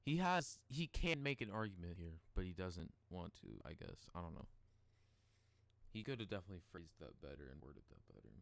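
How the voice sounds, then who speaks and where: A man streaming live and reacting to a debate, whose voice comes out pitched down and deeper than his natural one. He rambles casually and hedges with lots of fillers. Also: very animated, fairly quick, creaky, fairly bright tone, dry recording. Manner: rambling, hedging, with many fillers. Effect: voice sounds pitched down, deeper than his natural voice.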